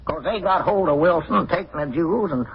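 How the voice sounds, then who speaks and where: An actor playing Abner's part as a folksy, gullible older small-town storekeeper with a raspy voice and rural Southern accent, in 1940s radio comedy style. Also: male voice, fairly high pitch, brisk, natural voice. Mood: earnest, marveling. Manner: folksy, rambling, rustic grammar. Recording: dull, muffled 1940s radio recording.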